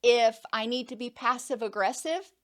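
Woman explaining in a higher voice. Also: normal speed, fairly bright tone. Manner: explanatory, uses everyday examples. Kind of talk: educational talk.

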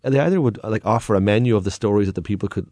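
A man's voice: on the low side, very fast, warm tone, no room sound. An Irish man telling stories and anecdotes in a lilting, conversational, colloquial way. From Ireland. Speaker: guest, tour guide and storyteller.

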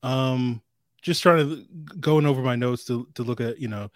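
A man co-hosting a casual sports podcast, talking in a measured way and thinking aloud as he goes. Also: mid-range voice, dry recording, studio quality. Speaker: podcast co-host.

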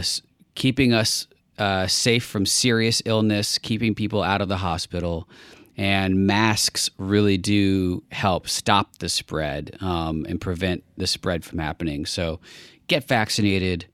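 A man's voice: lowish voice, steady tone, slow, fairly bright tone, clean tone, dry recording, studio quality. A man co-hosting a podcast, chatting casually and earnestly about hopeful news. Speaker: podcast co-host. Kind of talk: casual chat.

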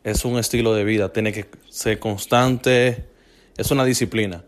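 He's a Dominican man hosting an easygoing fitness podcast meant to motivate, and his low voice stays steady and unhurried. He restarts phrases, repeats himself and sprinkles in English fillers.

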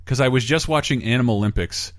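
A man's voice: medium pitch, fast, no room sound, clean studio sound. A man co-hosting a podcast in casual TV commentary. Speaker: podcast co-host. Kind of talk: casual chat, TV episode commentary.

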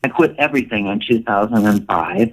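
An older woman spins her stories with a pitch that leaps all over the place, playful and theatrical. She laughs often and plays out the voices in her quotes. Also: expressive, brisk, creaky, rough recording. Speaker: guest, retired performer. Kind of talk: casual storytelling interview.

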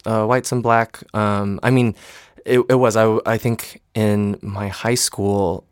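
Speaking slowly in a fairly low, level, clean voice, a young man in his twenties from Michigan, United States, chats as an interview guest about his life as a stage actor and singer. He hedges a lot, restarts often and fills pauses with ums. The sound is close and dry, free of room echo.

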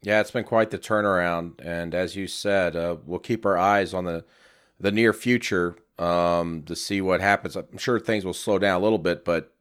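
Very deep-voiced podcast host man. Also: fairly even intonation, normal speed, fairly bright tone, clean tone. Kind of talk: podcast sign-off.

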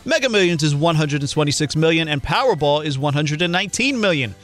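A man on a radio show reading a scripted sponsor spot with a brisk, fast legal disclaimer. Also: fairly high pitch, expressive, fairly bright tone. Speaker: radio show producer and co-host.

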